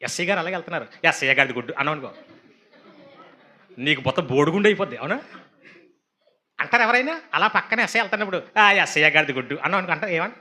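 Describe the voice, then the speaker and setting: A male pastor delivering a sermon with a high, bright voice. He is animated and acts out mocking asides and quoted voices as he goes. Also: quick pace, long pauses.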